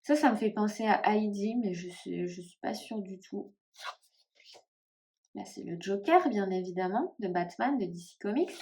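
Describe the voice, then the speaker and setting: A woman with a northern French accent chatting casually to camera about tarot decks, often pausing and trailing off as she searches for names. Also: medium pitch, dark tone. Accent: northern French (Ch'ti). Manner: hesitant, musing, many fillers and trailing off. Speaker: tarot vlogger.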